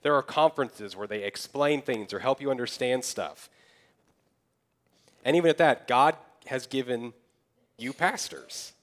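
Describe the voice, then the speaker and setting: A young man preaching a sermon as pastor, in a conversational way, acting out people's excuses in quick asides. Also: medium pitch, animated, fairly bright tone. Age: young adult.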